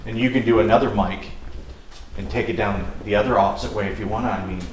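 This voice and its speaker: A man's voice: fairly low pitch, steady tone, quick pace. Slangy male investigator, casual and blunt, recorded off-mic with a faint layer of noise. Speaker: paranormal investigator handling camera and audio gear. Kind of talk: casual chat. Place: indoor hallway. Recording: echoey hallway, distant mic, faint noise.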